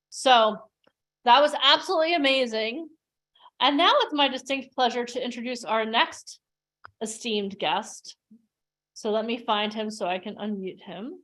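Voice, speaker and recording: Brief: upbeat, chatty woman host, slightly higher voice, speaking over a video call. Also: fairly bright tone. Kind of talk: livestream workshop hosting.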